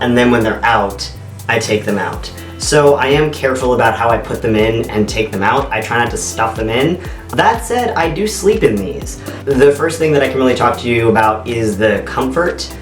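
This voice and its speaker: A man chatting casually as a channel host reviewing products, his voice echoing around a bare new apartment room. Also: medium pitch. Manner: chatty, easygoing, sometimes digresses. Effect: big echoey room sound. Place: echoey, sparsely furnished room in a new apartment. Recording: roomy echo, mic at a distance.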